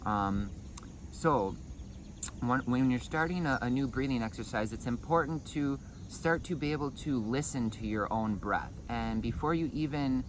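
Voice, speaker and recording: In an informal breathing and meditation lesson, a Qigong and breathing meditation instructor explains things in halting phrases, repeating words. He speaks at normal speed in a medium-pitched voice, and there's a slight hiss or hum.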